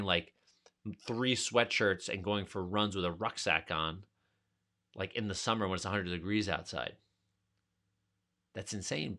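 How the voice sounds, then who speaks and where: A man from New York, hosting a podcast, telling a long personal story in a rambling, energetic way and acting out what people said. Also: on the low side. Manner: rambling, energetic, acts out quotes. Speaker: podcast host. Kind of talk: casual storytelling monologue.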